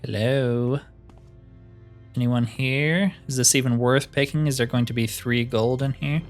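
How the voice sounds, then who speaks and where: Over soft background music, a man narrates his fantasy roleplay game in an easygoing let's-play style, chatting and thinking out loud. He's a gaming YouTuber whose mid-range voice stays steady and measured in pace.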